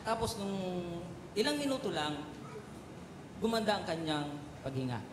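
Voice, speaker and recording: A male pastor preaching a sermon and telling stories with fillers, swinging from soft asides to loud emphatic peaks. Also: high voice, big pitch swings, normal speed. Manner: storytelling with fillers and Taglish asides. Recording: echoey hall with faint noise.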